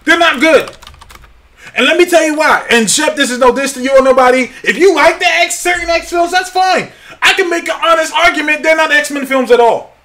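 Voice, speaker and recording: A man in his forties co-hosting a podcast, talking in a casual, profane and animated way and repeating phrases for emphasis. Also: extremely high pitch, brisk. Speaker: podcast co-host. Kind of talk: casual chat.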